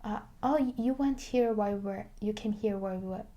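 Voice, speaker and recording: In this soft-spoken ASMR clip, a woman plays a video game store clerk, drifting into whispers and speaking in a halting, hesitant way. Her mid-range voice comes through with a lo-fi sound.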